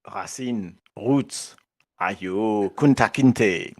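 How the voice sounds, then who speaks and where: A man from Mauritius hosting a radio chat, hesitant and halting, laughing often. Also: on the low side.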